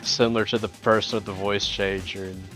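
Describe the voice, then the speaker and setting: Blunt, rambling low-voiced man. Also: little pitch movement, brisk, a bit bright, soft background music. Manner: blunt, rambling, hesitant questions. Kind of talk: casual chat on a voice call.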